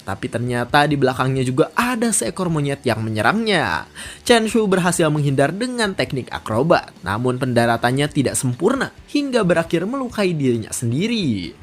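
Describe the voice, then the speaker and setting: Manhwa recap narrator, scripted read, lively up-and-down voice. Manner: steady storytelling read with lively pitch.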